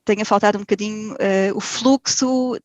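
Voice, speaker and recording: A Portuguese woman with a European Portuguese accent talks casually and hesitantly as a podcast guest in an interview, using many fillers and restarting often. Her medium-pitched voice is steady and darkish, at normal speed.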